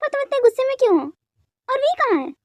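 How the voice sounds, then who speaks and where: A woman playing a fretful middle-aged mother who keeps asking what went wrong, in a very high, quick voice. The recording is dry and close. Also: big pitch swings, dry recording. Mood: worried. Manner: concerned questioning.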